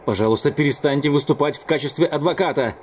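A high, strained, shouting voice for an outraged young man, as a male reader puts him on. He protests indignantly, pitched well above the reader's own voice. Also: fast, slight background noise, close to an everyday voice.

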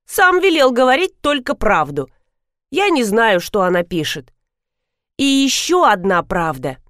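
A woman's voice: fairly high pitch, sing-song, measured pace, a bit bright, no echo, clean studio sound, pitched above the performer's own voice. A woman reading an audiobook, voicing a cheeky, mocking teenage girl in a raised, sassy voice. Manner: sassy, sarcastic. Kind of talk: audiobook character voice.

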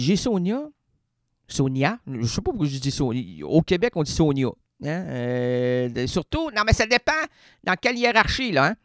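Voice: no echo, studio quality. Rambling Québécois radio storyteller. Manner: rambling, self-interrupting, playing with words and sounds; swings between high excited bursts and low murmurs. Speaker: radio columnist. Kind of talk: absurdist comic radio monologue.

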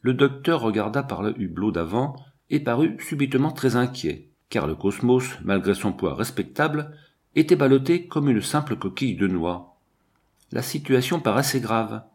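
A man reading an adventure novel aloud as an audiobook narrator, in an expressive, dramatic way. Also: medium pitch, moderate pace.

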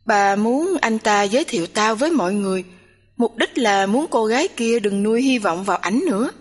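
A weary, reluctant young woman who answers in short, tired phrases in a storybook reading, as a woman narrator puts her on. The voice is fairly high and sits in a long, trailing reverb. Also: animated, moderate pace, breathy edge. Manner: tired, curt, sighing.

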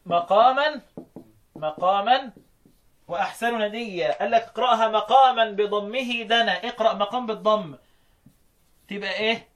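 An Egyptian man teaching Quran recitation, quizzing his students and slowly chanting verse lines between his explanations. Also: high voice, a bit bright. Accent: Egyptian Arabic. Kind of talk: interactive classroom lesson.

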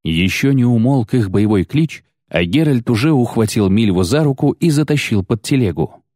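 Deep-voiced male audiobook narrator. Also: warm tone, no room sound, studio quality. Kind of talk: scripted fantasy audiobook narration.

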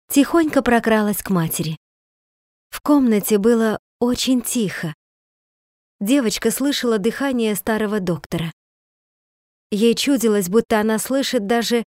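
A woman narrating a storybook in a calm, measured reading voice. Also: a little high, no echo, clean studio sound. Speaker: audiobook narrator. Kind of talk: scripted narration.

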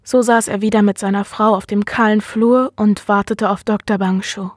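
Steady woman reading a story. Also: mid-range voice, normal speed, dry recording, studio quality. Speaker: reader.

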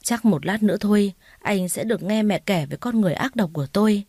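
A woman narrating a first-person story in a steady, reflective way. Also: mid-range voice, fast, no room sound.

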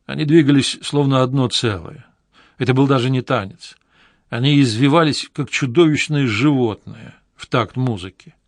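Male audiobook narrator, calm steady read, dry close mic. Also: medium pitch, no room sound. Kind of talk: first-person audiobook narration.

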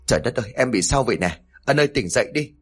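A man voicing a gruff, scornful old uncle. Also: mid-range voice, expressive, racing. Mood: alarmed. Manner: scolding, curt.

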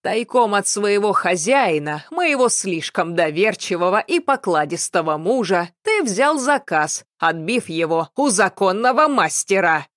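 A woman voicing the commanding mistress of a household in an audiobook, accusing and forceful in her words. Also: mid-range voice, big pitch swings, a little slow, few pauses, dry recording, clean studio sound. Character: imperious mistress of the house, middle-aged woman.

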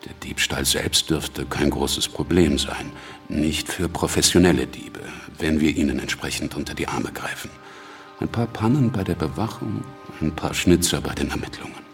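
In a radio drama, a male actor voices a cunning, ruthless, self-assured revolutionary leader with a scheming air. His extremely low voice is gravelly and deliberate, with soft music in the background.

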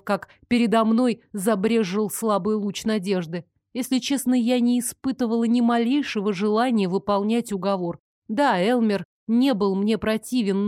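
A woman reading a first-person fantasy audiobook in an even, measured way, recorded at home on a close mic. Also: medium pitch, dry recording. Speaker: audiobook narrator.

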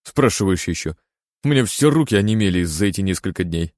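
A man's voice: low voice, lively intonation, fast talker, a little mellow, no echo, clean studio sound. A man voicing the narrator's earnest, easily moved young brother in an audiobook. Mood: teasing. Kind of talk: audiobook character voice.

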